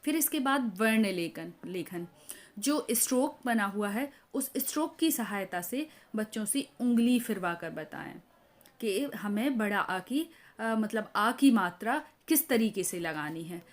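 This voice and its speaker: Indian woman teacher going through a lesson, really slow, lots of um pauses, stretches out example words. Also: medium pitch, animated. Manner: slow, halting explanation with many filler pauses; models words for children in drawn-out syllables. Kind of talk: teacher training walkthrough of a workbook lesson.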